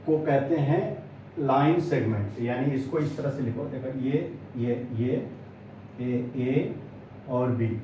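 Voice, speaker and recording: A man teaching a school maths lesson, speaking slowly with many pauses as he points things out on the board. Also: on the high side, dark tone, a little hiss or hum. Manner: slow, pausing, points while explaining. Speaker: maths tutor. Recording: echoey, distant, dull lo-fi sound.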